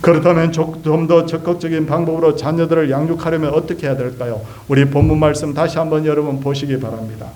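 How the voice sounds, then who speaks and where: Male pastor, sermon, fairly high voice, animated delivery, rhetorical questions, acts out quotes. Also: fast talker, hardly any pauses.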